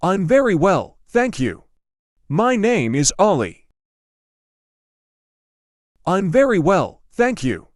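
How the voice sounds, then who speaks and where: A polite man learner in a scripted practice dialogue, read by a man. His voice sits high for a man and moves a lot in pitch. Each line comes slowly and is carefully spoken. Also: sing-song, no room sound, clean studio sound, exaggerated voice. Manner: slow, carefully enunciated, each line said twice. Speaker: dialogue reader.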